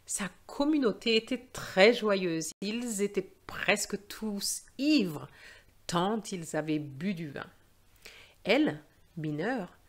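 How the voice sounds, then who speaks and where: Reading a scripted story aimed at language learners, a woman with a mid-range voice speaks in a careful, deliberate and expressive way.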